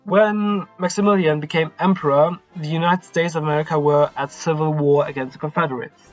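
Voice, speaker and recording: German guy talking history, lots of ums, kinda high voice, dull lo-fi mic sound. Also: steady tone, fairly quick, soft background music. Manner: hesitant, many ums and self-corrections. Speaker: history channel host. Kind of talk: casual history talk.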